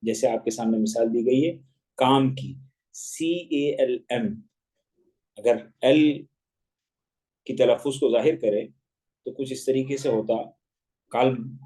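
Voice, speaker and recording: A man leads an online grammar class in a slow, unhurried delivery with a dark, mellow tone. He spells each word out letter by letter, then patiently sets the wrong pronunciation against the right one. His voice comes through an online class call. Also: medium pitch, low-quality recording. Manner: spells words letter by letter and contrasts pronunciations deliberately. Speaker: English teacher.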